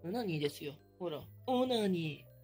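A woman's voice: lowish voice, pushed and bright, breathy edge. A woman performing an adult roleplay as a maid, speaking in polite maid phrasing with a mocking, teasing manner and frequent giggles.

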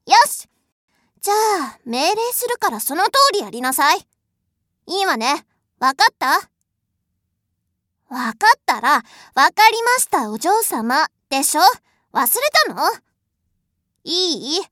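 A woman's voice: high voice, very animated, takes it slowly, long pauses, sharp tone, no room sound, studio quality, heavily acted. A woman voicing a haughty, spoiled rich young lady who is bossy, cruel and scornful, in an audio drama. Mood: bossy, impatient. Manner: imperious, scornful, mocking. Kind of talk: adult audio drama role-play.

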